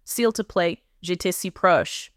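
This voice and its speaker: Brief: woman reader doing a desperate Frenchman, French accent, high and pleading. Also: unhurried, fairly bright tone, no echo, studio quality. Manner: breathless, pleading. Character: desperate, aroused younger Frenchman.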